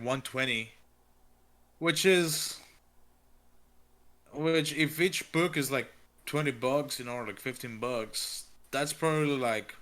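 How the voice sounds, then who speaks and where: A man's voice: mid-range voice, a bit bright. Slangy young man, profane casual talk. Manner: slangy, loose profane talk with many fillers. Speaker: podcast co-host. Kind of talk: casual chat.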